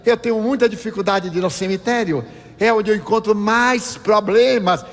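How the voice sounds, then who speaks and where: An older man gives a spiritist lecture, his voice sitting high for a man. He tells anecdotes and acts out the dialogue with lively animation. The sound rings with a long reverb from a large hall. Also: moderate pace. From Brazil. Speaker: spiritist speaker.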